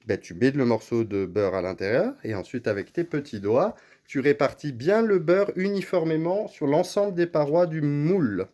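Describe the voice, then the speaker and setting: A woman with a low, deep voice talks through a recipe in her home kitchen. Her tone is soft and mellow, and she patiently encourages a child helping her at each step. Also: lively intonation, normal speed. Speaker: parent cooking with her child on his channel. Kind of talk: step-by-step cooking instructions.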